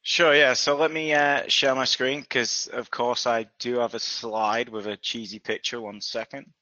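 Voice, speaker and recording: A Yorkshire man in his thirties presents casually as a guest on a web call, chatty and self-deprecating. His medium-pitched voice has a flat delivery, a measured pace, and a sharp tone, recorded with no echo and the highs cut off.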